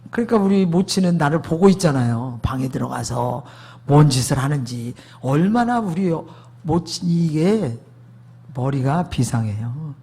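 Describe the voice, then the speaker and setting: A man's voice: fairly high pitch, lively intonation, measured pace, dark tone, breathy edge. A man preaching a sermon testimony, emphatic, asking the congregation rhetorical questions.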